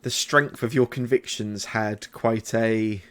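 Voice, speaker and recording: Ancient mother goddess for tabletop game, played by a man: unhurried, low-leaning, formal, calm and knowing. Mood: measured, knowing. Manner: slow, measured, formal phrasing. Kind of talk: tabletop role-play.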